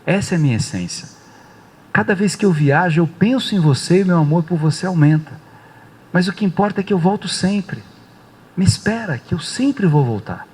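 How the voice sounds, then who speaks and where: A man voicing a tender, free-spirited enchanted bird in a spoken story, speaking slowly and gently. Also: high voice, expressive, slightly rough, voice pushed up, low-quality recording.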